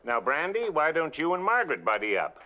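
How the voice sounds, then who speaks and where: An older actor playing a folksy army colonel with courtly, old-fashioned phrasing, in a 1980s sitcom. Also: male voice, a little high, huge pitch swings, a little fast. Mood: gallant. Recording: muffled TV audio with crowd.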